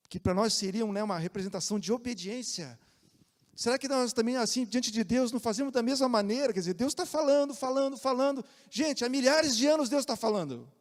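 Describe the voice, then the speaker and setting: A man with a Brazilian accent preaching a sermon as pastor, moving between loud emphasis and quiet asides. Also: extremely high pitch. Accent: Brazilian Portuguese. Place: church sanctuary. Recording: long church hall reverb.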